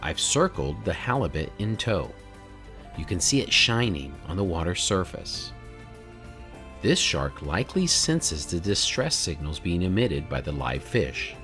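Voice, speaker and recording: A man in his forties, a drone videographer who hosts his own channel, narrates a documentary from a home studio room indoors. He explains things in a measured way, often posing rhetorical questions, his low voice carried by lively intonation. Faint music plays beneath him.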